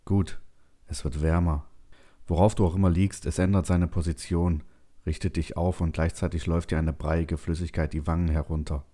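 A man narrating a second-person science fiction story in a slow, tense, measured way. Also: sits low, little pitch movement, mellow.

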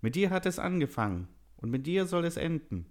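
A man's voice: fairly high pitch, big pitch swings, fairly quick, pitched above the performer's own voice. A man voicing a scheming, gloating male Christmas elf in a storybook reading. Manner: gloating, sneering.

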